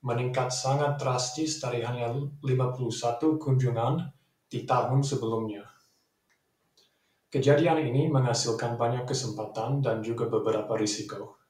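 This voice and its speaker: An Australian man with an Australian accent, a native English speaker and foreign learner speaking Indonesian, delivers a prepared formal speech in a careful, deliberate way. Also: medium pitch. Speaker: speech contest entrant. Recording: roomy echo, distant microphone.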